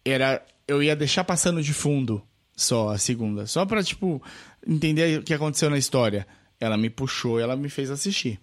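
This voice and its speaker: A man, co-hosting a casual film podcast and talking in halting, self-interrupting bursts. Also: medium pitch, expressive. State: has a cold, congested. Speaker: podcast co-host.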